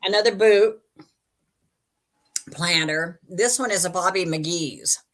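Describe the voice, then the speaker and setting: A woman's voice: on the low side, slow pace. A woman hosting a live online sale, chatting casually and rambling, correcting herself as she goes. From western United States. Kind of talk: casual live-stream selling chat.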